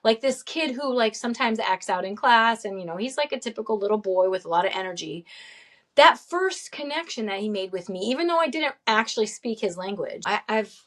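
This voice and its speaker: A middle-aged woman telling stories casually as an interview guest, lively and acting out the voices she quotes. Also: medium pitch, brisk. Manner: animated, acts out quoted voices. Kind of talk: casual storytelling.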